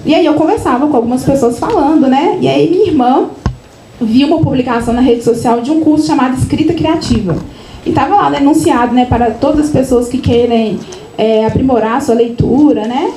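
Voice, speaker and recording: Speaking briskly, a Brazilian author from Minas Gerais shares casual personal anecdotes with the crowd at her book launch. Her voice is high and mellow, and she chats along with frequent tag questions and false starts. Around her, the room echoes under a faint hum of noise.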